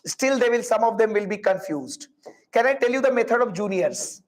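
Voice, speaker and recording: Teaching physics live, an Indian-accented man speaks at a moderate pace in a high-pitched, expressive voice. He breaks explanations into steps, repeats himself, and puts questions to his students using Hindi tags.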